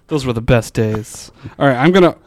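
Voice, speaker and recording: A man's voice: medium pitch, animated, fairly quick, no room sound. A man hosting a podcast in a home garage, chatting casually with crude, joking, profane humor. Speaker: podcast host. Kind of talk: casual comedic chat.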